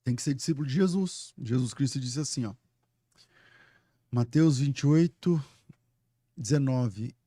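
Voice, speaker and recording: Um pastor na casa dos quarenta anos, convidado de um podcast, que conta histórias de forma animada, ri e cita a si mesmo. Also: male voice, medium pitch, a little slow, pauses often, husky, dry recording, clean studio sound. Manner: animated, laughing storyteller who quotes himself. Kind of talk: casual podcast storytelling.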